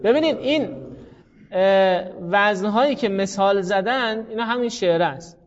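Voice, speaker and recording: A man teaching a grammar class, explaining step by step and asking his students rhetorical questions. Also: sits high. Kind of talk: classroom lecture. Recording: dull recording in a reverberant room.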